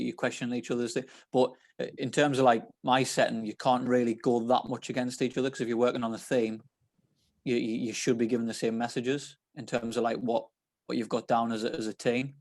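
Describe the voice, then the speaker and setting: A man's voice: medium pitch, darkish tone. A coach on a video call, speaking earnestly and repeating words while he gathers his thoughts. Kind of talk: casual video-call discussion.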